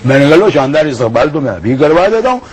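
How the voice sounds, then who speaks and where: An actor playing a swaggering, middle-aged senior customs officer who tells a comic anecdote in character, acting out both sides of the quarrel. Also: male voice, a little high, very animated, a little mellow, husky, low-quality recording. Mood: boastful mocking.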